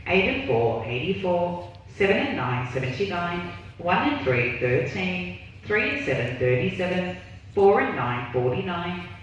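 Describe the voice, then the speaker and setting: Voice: mid-range voice, sing-song, unhurried. A bingo caller announcing numbers digit by digit in short, formal set phrases. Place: large indoor bingo hall, heard over speakers. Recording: echoey hall PA from far off, noisy.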